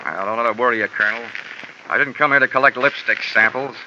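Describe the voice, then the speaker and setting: In an old radio drama, a man plays the lead, an insurance investigator who also narrates, in a dry, wisecracking, hard-boiled style. His voice is mid-range and fast. The recording is a dull, lo-fi old broadcast with music and a noisy background.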